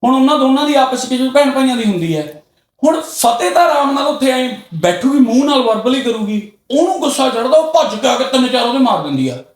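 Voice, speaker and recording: Loud, excitable high-voiced man. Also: fast. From Punjab. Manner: loud and excitable when talking. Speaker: podcast guest. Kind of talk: candid conversational storytelling. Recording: roomy echoey room.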